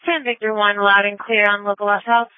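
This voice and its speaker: A woman's voice: mid-range voice, level tone, a little fast, clean tone, no echo. A woman working as a dispatcher, giving terse, clipped calls over a two-way radio with static bursts. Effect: two-way radio transmission with static bursts. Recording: tinny radio transmission, dry.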